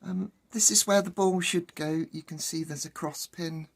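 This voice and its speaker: Workshop narrator, wheezy, hoarse, raspy, gravelly, hesitant, casual, thinking aloud. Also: medium pitch, fairly even intonation, moderate pace, dry recording, clean studio sound. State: hoarse and wheezing from a chest infection and sore throat. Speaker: host of a hobby workshop channel.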